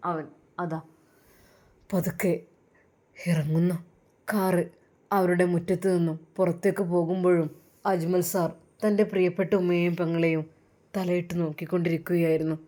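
A woman's voice: on the low side, steady tone, normal speed, pauses often, warm tone. A woman from Kerala narrating a sad family story in a heartfelt, emotional way. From Kerala, India. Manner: heartfelt, rising and urgent at sad moments.

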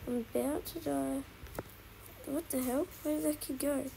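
A woman giving casual, excitable commentary while streaming a game, repeating herself and talking to her chat. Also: high voice, normal speed, creaky, slight background noise, rough recording.

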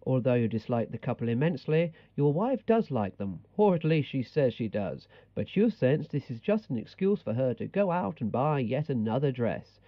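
A man's voice: medium pitch, big pitch swings, moderate pace, hardly any pauses, dry recording, highs cut off, lightly acted. A man playing a bossy, exasperated language-tape instructor in scripted comedy narration. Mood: mock-solemn.

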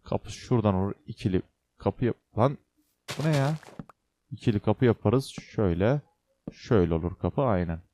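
A young man with a low, mellow voice chats his way through a building game, joking with viewers and grumbling at creatures on screen. A faint hiss and some clicking sit under his casual commentary. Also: animated, normal speed. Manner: chatty, talks to viewers and the game, jokey exclamations. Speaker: gaming channel host. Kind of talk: casual Minecraft let's play commentary.

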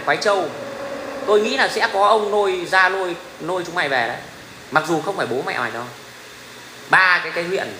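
A man's voice: high voice, pushed and bright. A middle-aged man, talking in a casual, rambling livestream, blunt and profane, laughing often. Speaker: livestream host. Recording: echoey room with faint ambient noise.

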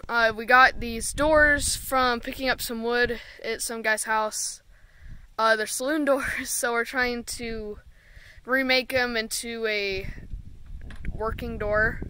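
Outdoors with a handheld phone, a woman narrates a casual farm vlog, relaxed as she explains her projects while working. Her voice is a little high, with slight background noise.

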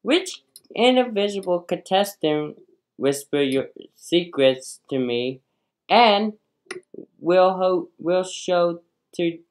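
A woman's voice: on the low side, very slow, a little mellow. A woman hosting a playful pretend game show, rambling and stumbling over the questions as she reads.

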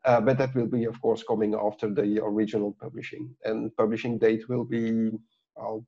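On a video call from his office, in front of a branded backdrop, a middle-aged author and guest whose first language is Dutch rambles casually with lots of fillers and restarts. His voice sits on the low side, warm with vocal fry, delivered flatly at a moderate pace. A lapel mic captures it in dull lo-fi audio.

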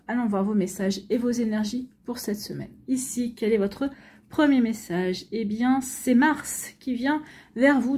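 A woman's voice: fairly high pitch, a little mellow, a little hiss or hum. A woman giving a chatty weekly tarot reading for star signs, full of fillers, restarts and repeated phrases. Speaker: tarot reader. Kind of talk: weekly astrology card reading.

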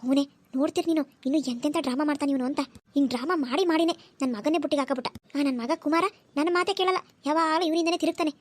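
A woman's voice: high voice, quick pace, natural voice. Woman voicing a jealous gossiping aunt. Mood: envious. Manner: catty, envious, grumbling gossip. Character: jealous gossiping middle-aged aunt, mother of a son.

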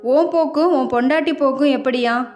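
A domineering elderly mother in a family storybook, proud and cutting, as a woman narrator puts her on. The voice stays high, with faint music beneath it. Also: brisk, a little mellow, lightly acted. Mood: defiant.

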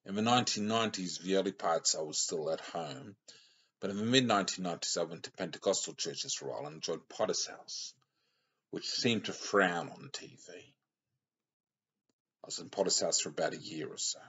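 A middle-aged Australian lay preacher delivers a rambling, plainspoken sermon into a close-up webcam in a small room, often correcting himself along the way. His voice is deep and slightly rough with a fairly bright tone, and he keeps a moderate pace. The webcam audio is dull and lo-fi.

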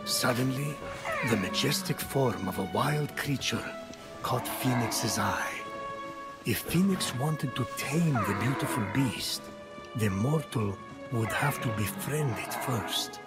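Unhurried mythic game narrator, steady mid pitch, over loud music. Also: male voice, poor audio. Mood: storytelling. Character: male storyteller narrating a Greek-myth adventure. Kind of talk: scripted narration.

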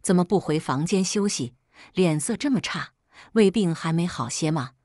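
A woman's voice: fairly low pitch, expressive, normal speed, a little mellow, dry recording, studio quality. A woman voicing a cold, proud wealthy young husband in a storybook, speaking curtly. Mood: gentle.

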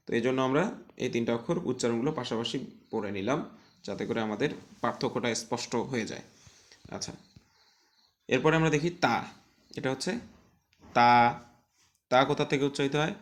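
A man teaching an online Quran recitation class, drawing out syllables for students to repeat and explaining calmly between drills. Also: mid-range voice. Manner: slow, drawn-out syllable drills with louder repetitions.

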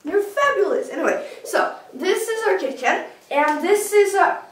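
Cosplay skit: young woman playing hyper, goofy young male masked villain; high, bouncy voice, recorded from afar in an echoey kitchen. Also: normal speed. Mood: giddy. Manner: bubbly, scatterbrained, excitable. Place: home kitchen, indoors. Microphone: far camera. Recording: roomy kitchen, far camera, noisy.

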